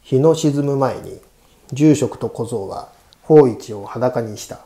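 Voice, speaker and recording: A man narrating a scripted ghost story in a hushed, creepy, deliberate storytelling manner. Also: mid-range voice.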